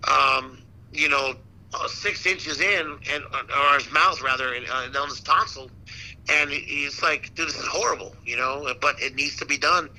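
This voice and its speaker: Bright, slangy man chatting casually. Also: medium pitch, measured pace, low-quality recording. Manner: slangy, animated storytelling with repeated "man" and "dude". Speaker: boxing ring announcer, interview guest. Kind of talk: casual chat.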